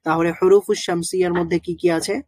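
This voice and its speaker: Husky teacher. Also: mid-range voice, flat delivery, darkish tone, dry recording. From Bangladesh. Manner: patient, pauses to sound out letters and syllables slowly; hesitant with frequent drawn-out fillers. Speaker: Quran recitation teacher. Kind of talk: online lesson explaining letters.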